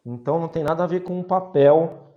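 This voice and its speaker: A man's voice: on the high side, fairly even intonation, a little fast, muffled recording, soft background music. A man with a Brazilian Portuguese accent teaching an English class over a video call, explaining patiently with examples.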